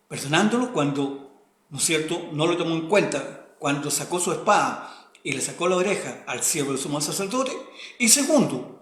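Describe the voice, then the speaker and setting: High-voiced preacher in an echoey room. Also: male voice. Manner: swings from quiet reading to loud impassioned preaching. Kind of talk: sermon.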